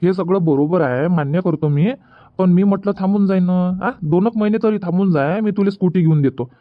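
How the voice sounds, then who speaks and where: For a Marathi cartoon comedy dub, a man takes on the role of a mellow young husband who soothes his wife and keeps inventing excuses, in a coaxing mood. His voice is high-pitched and a little fast, natural, with lo-fi sound quality.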